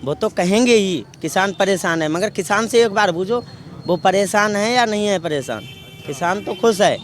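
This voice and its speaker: A man's voice: high voice, animated, moderate pace, a little hiss or hum. A local man answering a street reporter, arguing his case with rhetorical questions. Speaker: local resident interviewed on the street.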